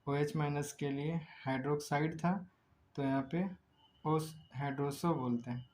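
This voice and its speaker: A man teaching a chemistry lesson. He explains step by step, asks himself rhetorical questions, draws chemical names out slowly and often corrects himself mid-word. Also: on the high side, steady tone, a little mellow, slight background noise, low-quality recording. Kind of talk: recorded lecture.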